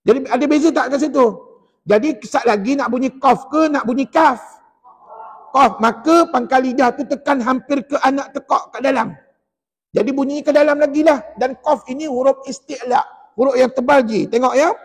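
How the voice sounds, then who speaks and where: Malaysian Malay man, tajwid teacher, very high voice, patient explainer who chants verses slowly; mosque hall reverb. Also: husky. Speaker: Quran recitation teacher. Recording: long echo of a mosque hall.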